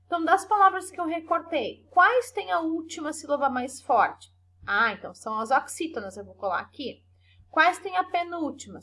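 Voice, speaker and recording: A woman teacher records a lesson for children, her voice high and clear. She explains patiently, stretching example words to stress their syllables and ending points with short tag questions. The delivery is gentle and methodical. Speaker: primary school teacher. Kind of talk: recorded remote class for children.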